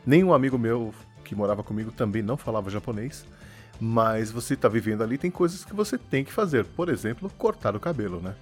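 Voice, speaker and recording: A man co-hosting a casual podcast, telling a funny story in a lively way and laughing often. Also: fairly low pitch, a little fast, faint music behind. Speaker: podcast co-host.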